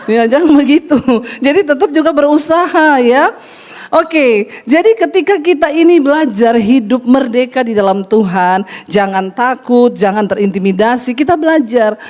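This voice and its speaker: A woman pastor giving a lively, humorous sermon to a church congregation, teasing her listeners and acting out little dialogues. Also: high voice, moderate pace, soft background music. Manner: playful teasing, acts out chat dialogue.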